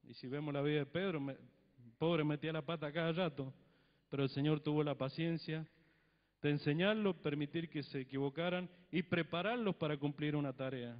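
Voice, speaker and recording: Speaking fairly quickly in a slightly high voice, this middle-aged man from Mendoza, Argentina, preaches on a handheld mic in a church hall with a Cuyo accent. Chatty and full of tag questions, he also acts out little dialogues. The lo-fi sound is dull, and the hall reverb is long.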